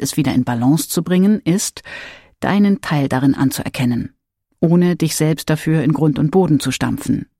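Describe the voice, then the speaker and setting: A man reading a parenting text in a calm way, speaking straight to the listeners. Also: fairly high pitch, no room sound, clean studio sound. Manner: calm, addresses listeners directly. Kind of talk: scripted reading.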